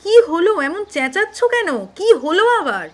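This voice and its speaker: An actress playing a caring, anxious young wife in an audio drama, questioning and affectionate. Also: female voice, high-pitched, sing-song, brisk, soft background music. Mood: puzzled. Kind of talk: Bengali audio drama acting.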